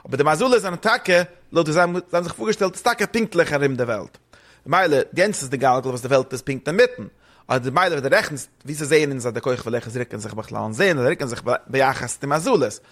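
A man's voice: medium pitch, animated, fairly bright tone. A man explaining a religious text in casual study talk, rambling and slipping between languages. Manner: rambling, fast, mixes German with Hebrew and English terms.

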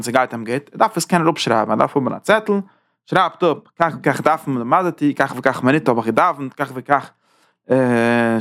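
Gravelly, animated male Torah teacher. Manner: animated, with sudden leaps in pitch. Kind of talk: lively Torah class lecture.

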